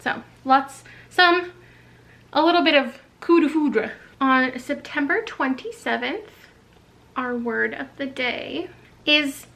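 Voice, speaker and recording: A woman book vlogger chatting casually about words and books, wry and quick to laugh at herself. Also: sits high, bright, forceful tone. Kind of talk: casual vlog chat.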